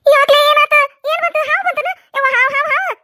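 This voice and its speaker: A woman voicing an easily startled, quick-tempered village woman with a North Karnataka Kannada accent, in a cartoon. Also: very high-pitched, fairly bright tone, a little hiss or hum.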